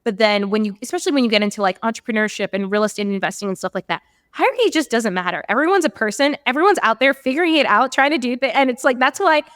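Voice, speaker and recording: A woman's voice: fairly high pitch, expressive, fast, hardly any pauses, a bit bright, no room sound, clean studio sound. Bubbly young woman podcast host. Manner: bubbly, gushing, laughs often. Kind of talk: casual podcast interview.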